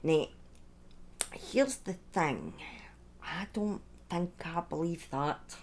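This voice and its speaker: A true-crime storyteller and streamer narrates a case as though chatting with her followers, her very lively intonation swinging widely up and down. Her fairly low voice draws words out, and she breaks her phrases up, stepping away from the script for informal, opinionated asides. There is a little hiss or hum in the recording.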